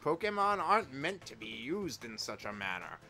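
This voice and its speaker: A man voicing a stately older male gentleman, speaking formally. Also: mid-range voice, big pitch swings, normal speed, soft background music. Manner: formal, lofty.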